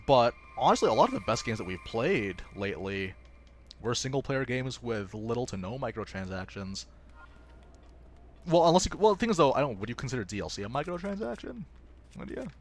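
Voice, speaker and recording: A man's voice: medium pitch, big pitch swings, fairly quick, a little hiss or hum. A man streaming himself playing a game live, chatting playfully with his viewers and joking at his own expense. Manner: laughs often. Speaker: gaming livestreamer. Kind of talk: casual live gameplay commentary.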